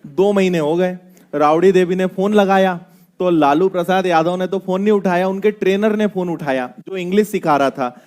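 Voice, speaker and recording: A man teaching a classroom, joking and quizzing his students, tagging his points with quick questions. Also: high-pitched, a little mellow. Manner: playful, quizzing students with rhetorical tags. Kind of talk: classroom lecture with jokes.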